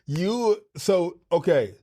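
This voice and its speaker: A man hosting a casual podcast interview, enthusiastic with animated interjections. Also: high voice, slow. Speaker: podcast host.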